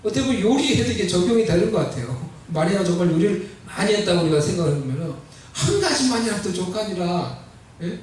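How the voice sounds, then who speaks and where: A male pastor preaching a sermon, animated and conversational, often asking the congregation questions. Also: sits high, racing, few pauses, heavy reverb, distant mic, slight background noise, rough recording. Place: church sanctuary.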